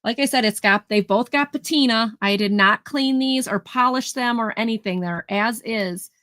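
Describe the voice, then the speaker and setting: A woman's voice: fairly high pitch, normal speed, a bit bright, no echo. A woman hosting a casual live vintage sale, chatting as she describes each item in detail and counts down the sales. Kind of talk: casual live-stream selling.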